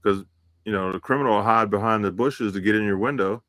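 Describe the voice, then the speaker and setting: A man with a fairly low voice co-hosts a live podcast from a remote call. He offers practical tips in a steady, matter-of-fact way, with plenty of "um"s. The sound is dry, with no room echo. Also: quick pace. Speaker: podcast co-host. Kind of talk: casual live-stream chat. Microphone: remote call connection.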